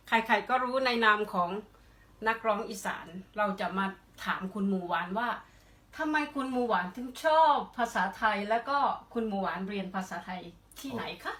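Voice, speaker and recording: A woman's voice: medium pitch, normal speed, a bit bright. A woman conducting a polite, conversational interview as the interviewer. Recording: echoey room, distant from the mic.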